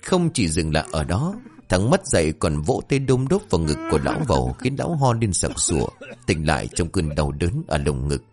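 A man narrating a comic folk tale in an animated, expressive way. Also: low-pitched, fairly quick, over music. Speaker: storyteller.

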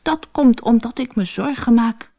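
A woman's voice: huge pitch swings, moderate pace, highs cut off. A woman voicing a small, worried young male stoat in a children's storybook, anxious and pleading. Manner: anxious, pleading, high and bright.

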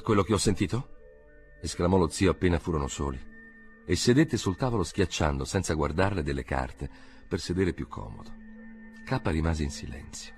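A man narrating a literary audiobook in a measured, expressive way. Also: deep voice. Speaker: audiobook reader. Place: recording studio.

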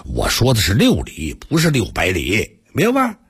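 A man's voice: fairly low pitch, wildly swooping pitch, normal speed, a bit bright, husky, heavily acted. A man voicing a sly, smug male minister who coaxes and mocks. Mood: mocking. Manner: coaxing and mocking.

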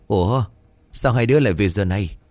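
A man reading a ghost story, voicing a stern, protective old grandfather who speaks gruffly. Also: lowish voice, a little fast, darkish tone, no room sound, lightly acted. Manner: gruff, indignant.

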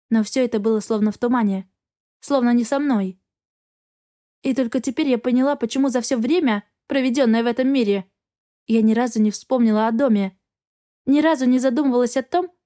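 A woman reading a first-person audiobook in a measured, reflective way. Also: fairly high pitch, warm tone. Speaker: audiobook narrator.

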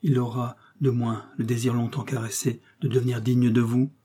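A man's voice: medium pitch, little pitch movement, moderate pace, warm tone, husky, lightly acted. A man voicing a wealthy young nobleman in an audiobook, ardent and bitter in his pleading. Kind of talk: audiobook character reading.

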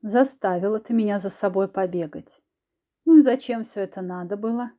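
A smug, cruel husband, as a woman reader puts him on, who talks low and drawn-out with a creeping, insinuating menace and sometimes sinks to a whisper. The recording sounds dull and lo-fi. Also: dark tone, close to an everyday voice. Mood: menacing.

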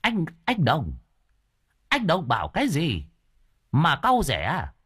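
List: deaf old grandpa, played by a man, high quavering voice, slow and confused. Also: huge pitch swings, fairly bright tone, slightly rough, full character voice.

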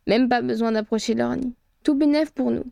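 A woman's voice: on the high side, fairly even intonation, normal speed, creaky, darkish tone, dry recording, studio quality. Woman reading as a hissing, menacing harpy chief. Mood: blunt. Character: menacing female harpy clan leader, blunt and cunning.

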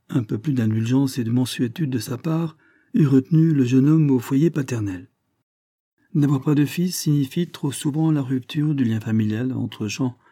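A man narrating a novel aloud in a measured, formal reading style. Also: medium pitch, warm tone. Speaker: audiobook narrator. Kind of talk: scripted narration.

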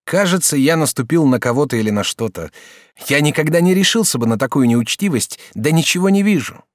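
A male audiobook reader voicing a courteous, talkative young student in his early twenties who speaks with a raised, excitable voice. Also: fairly high pitch, brisk, no room sound, studio quality, pitched above the performer's own voice, lightly acted. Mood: eager. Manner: bright, animated, polite and excitable. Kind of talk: audiobook character reading.

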